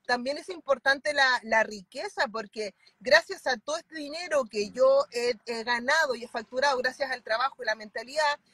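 A woman's voice: high-pitched, moderate pace, hardly any pauses, pushed and bright, slightly rough, no echo. A woman in her thirties with a Chilean accent, speaking fervently on a video call from inside a car. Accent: Chilean Spanish. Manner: fervent, emphatic. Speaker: mentoring client. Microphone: phone at arm's length.

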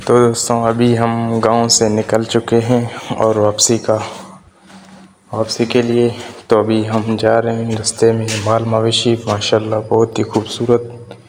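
Young man from Balochistan, flat-toned village vlogger talking into a phone held at arm's length, heavy wind noise outdoors. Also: lowish voice, a little slow. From Balochistan, Pakistan. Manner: relaxed, chatty, addresses viewers as friends. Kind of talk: casual vlog narration. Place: outdoors by a rural river and dam. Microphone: phone camera at arm's length.

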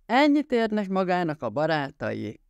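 A man voicing a drunk, violent, jealous husband who snarls and yells his threats, raised and loud against his own reading voice. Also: high voice, huge pitch swings, gravelly, smooth, no room sound, highs cut off, pitched above the performer's own voice, full character voice. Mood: drunk raging. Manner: snarling, yelling, slurring threats.

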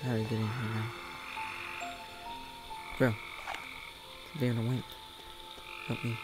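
A young man mutters casual commentary as he plays a game. He is slow, halting and monotone, with loud game music behind him. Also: medium pitch. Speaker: gameplay commentator.

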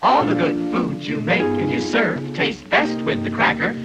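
A man announcing a 1950s TV commercial in a sing-song, gushing sales pitch. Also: lively intonation, normal speed, rough recording. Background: loud jingle music.

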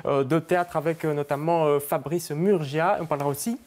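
A man hosting a TV interview, firing short questions and quick interjections. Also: fairly high pitch, steady tone, a little mellow. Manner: brisk interjections, leading questions. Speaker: TV host. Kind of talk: interview host.

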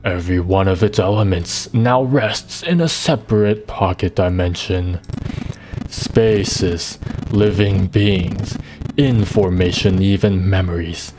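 A man voicing an evil undead male lich, reading the game's dialogue in a slow, drawn-out, sinister way. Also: sits low, background noise, pitched below the performer's own voice. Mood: menacing. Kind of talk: reading game dialogue aloud in character.

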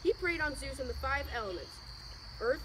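A woman's voice: sits high, animated, moderate pace. A teenage girl acting as a nervous, defensive ancient Greek youth giving testimony in a school project drama. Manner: defensive, indignant. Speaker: student actor. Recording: noisy outdoor recording with crickets.

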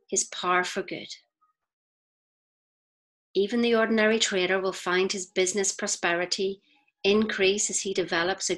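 An audiobook reader, a woman with a medium-pitched voice, delivers scripted inspirational narration in a measured, deliberate manner, pausing between phrases. Faint music plays behind her, and the audio quality is poor.

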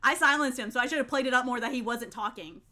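A woman's voice: on the high side, fast, bright, forceful tone. A woman streaming a party game, chatting casually and laughing with friends on voice chat.

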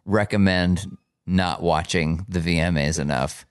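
A man's voice: low-pitched, unhurried, clear, resonant tone, no room sound. A man co-hosting a podcast, chatting casually with a dry, wry humor and a tired edge. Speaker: podcast co-host. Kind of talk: casual chat.

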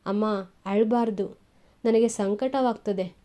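A woman voicing a young imprisoned man who calmly reassures his grieving family. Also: a little high, takes it slowly. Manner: calm, steady reassurance.

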